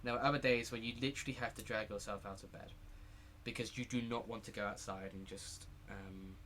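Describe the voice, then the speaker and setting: Bright-voiced man, rambling chat. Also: fairly low pitch, fairly even intonation, a little hiss or hum. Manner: rambling, with many restarts and quick laughs. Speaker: podcast co-host. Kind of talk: casual chat. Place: home garage.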